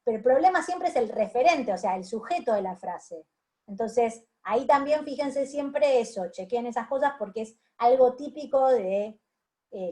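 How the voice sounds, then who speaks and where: Fairly high-voiced Rioplatense woman lecturing. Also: darkish tone. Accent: Rioplatense Spanish. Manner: hesitant, many fillers and restarts. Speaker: university lecturer. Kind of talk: online class feedback.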